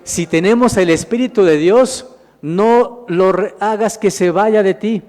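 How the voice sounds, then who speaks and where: A minister teaches a Bible lesson with slides, his voice sitting high, unhurried, and darkish in tone. He poses questions to the congregation, calls them "hermanos," and answers himself, all within the long reverb of a large hall.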